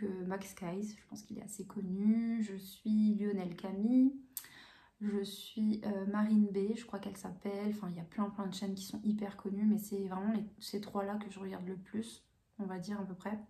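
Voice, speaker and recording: A woman answers viewer questions in a relaxed, unscripted chat, stopping often to restart her sentences and fill pauses. Her voice is mellow and even, with little rise and fall. The sound carries a roomy echo from the room she records in. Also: medium pitch. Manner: hesitant, many fillers and restarts; calm, even delivery. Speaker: coloring channel host. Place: home room with bookshelves.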